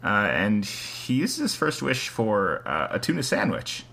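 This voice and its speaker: A man with a low but bright voice reads a story aloud and chats about it casually. His pitch moves a lot, rising and dipping as he wanders off and questions himself before getting back on track. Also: wildly swooping pitch, unhurried, creaky. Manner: rambling, self-questioning. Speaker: co-host reading a story aloud. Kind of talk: casual chat.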